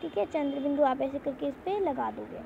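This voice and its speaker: A woman's voice: high voice, expressive, a little fast, vocal fry. A young woman teaching a Hindi lesson to children online, often repeating points and checking in with "theek hai". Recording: slightly dull home recording, faint hiss.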